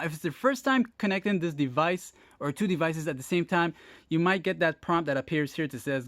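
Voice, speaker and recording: Speaking straight to his viewers, the host of a phone tech tutorial channel narrates each step in a relaxed, informal way. He has a mid-range voice, and there's no room sound.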